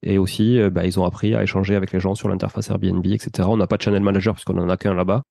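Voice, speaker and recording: Deep, gravelly and mellow, his voice moves little in pitch as he speaks very fast, recorded in clean studio sound with no room sound. He is a France-born entrepreneur and property investor of Portuguese descent, recounting his own experience in a casual interview, talkative, slangy and explanatory.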